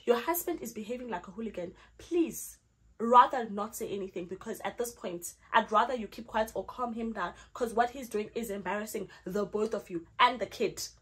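A young South African woman, a Zulu speaker, narrates a storytime vlog in a husky, medium-pitched voice at normal speed. She's animated and acts out her own lines as she retells it.

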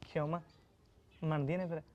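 A man's voice: a little high, flat delivery, normal speed, muffled recording, natural voice. An actor with a Punjabi accent playing a young jobless husband who pleads and reassures his wife in a short film.

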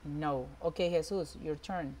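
Low, slow, gravelly woman teaching. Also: mellow, slight background noise. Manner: repeats words slowly to model pronunciation; switches between English and Spanish. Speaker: English teacher. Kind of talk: online English class.

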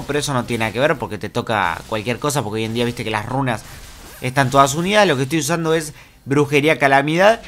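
A young man with an Argentine accent giving fast, excitable gameplay commentary, explaining moves and swearing casually as he plays. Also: medium pitch, a little hiss or hum. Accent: Argentine Spanish. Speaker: gaming YouTuber.

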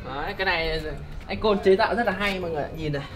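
Young male host, brisk casual vlog patter, camera mic. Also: sits high, music in the background. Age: young adult. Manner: chatty, upbeat, addresses viewers directly. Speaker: vlogger host. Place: outdoor yard and indoor storeroom.

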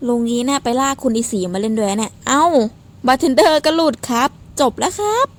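A woman giving casual gameplay commentary, excitable and playfully swearing, squealing at her game. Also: high voice, fast. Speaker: game streamer.

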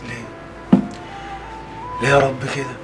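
An actor playing an anguished, guilt-ridden Egyptian son. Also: male voice, mid-range voice, little pitch movement, moderate pace, loud music behind the voice, close to an everyday voice. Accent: Egyptian Arabic. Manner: despairing, anguished. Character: guilt-stricken police officer son. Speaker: grieving son. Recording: distant TV drama audio with score.

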